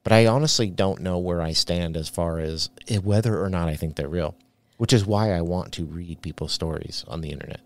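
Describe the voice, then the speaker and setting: A man's voice: low-pitched, brisk. A man co-hosting a casual podcast, talking in a rambling way and often restarting his sentences. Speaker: podcast co-host. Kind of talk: casual chat. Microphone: podcast studio mic at a mixing board.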